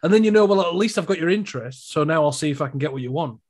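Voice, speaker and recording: A Northern English man speaks in a fairly high voice. He is an actor chatting casually about his trade, and he tells his stories in an animated way, full of asides. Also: rapid-fire. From Northern England. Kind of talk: casual chat.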